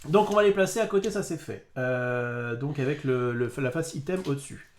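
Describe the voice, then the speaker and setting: A man's voice: medium pitch, normal speed, a little hiss or hum. A man hosting a casual board game session, explaining the rules with many hesitant fillers as he reads the cards. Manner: hesitant, many fillers while reading card text.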